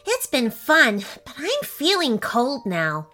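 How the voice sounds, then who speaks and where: A woman voicing a playful, imaginative young girl in a children's storybook, gentle and giggly. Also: high voice, wildly swooping pitch, takes it slowly, faint music behind, full character voice.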